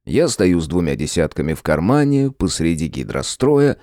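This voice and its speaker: A man reading a first-person audiobook in a gruff, sardonic storytelling manner. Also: low voice, big pitch swings, normal speed, dark tone, no echo, clean studio sound. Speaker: audiobook narrator.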